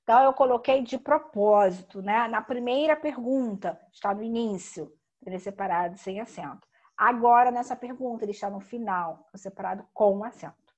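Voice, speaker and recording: A woman teacher with a voice on the high side gives a recorded grammar lesson. She explains slowly and emphatically, often using tag questions.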